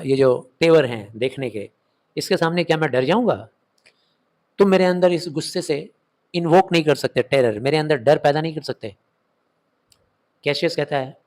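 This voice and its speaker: A man with an Indian English accent, an English literature teacher reading a play aloud and explaining it line by line, emphatic and fond of rhetorical questions. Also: a little high.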